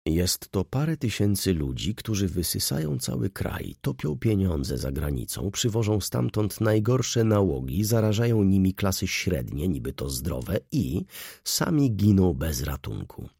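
A man doing a sly, sweet-talking lawyer from a classic audiobook, gravelly and husky, his voice rising and swooping as he coaxes and schemes, in a dry, close sound. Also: deep voice, a little slow, no room sound, exaggerated voice. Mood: scheming. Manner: animated, persuasive, theatrical emphasis. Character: scheming middle-aged male lawyer, smooth and sly. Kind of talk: audiobook character voice.

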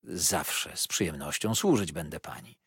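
Mild good-natured old doctor, read by a man, husky, dry. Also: rumbling low, unhurried, dry recording, voice pushed down, heavily acted. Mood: gentle. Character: kindly mild older doctor.

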